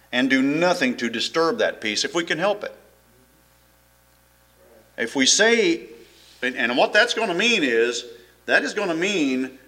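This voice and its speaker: Folksy preacher with a lively, bright voice. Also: male voice, mid-range voice. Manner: folksy, rambling with frequent restarts and chuckles. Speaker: pastor. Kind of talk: sermon.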